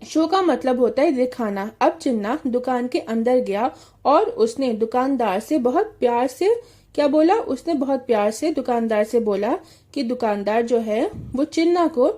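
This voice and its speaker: A woman teaching an English story to children, reading lines slowly and then explaining them with questions. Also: fairly high pitch, animated, dark tone.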